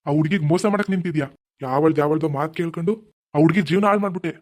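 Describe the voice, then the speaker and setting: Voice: medium pitch, racing, darkish tone, close to an everyday voice. A performer voicing a menacing, mocking ghost in a cartoon. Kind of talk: animated cartoon voice acting.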